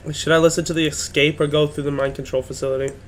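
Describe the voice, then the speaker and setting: A man's voice: fairly high pitch, flat delivery, quick pace. A man casually commenting on a game as he streams, hesitant and muttering to himself. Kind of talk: casual live gameplay commentary. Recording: faint background noise.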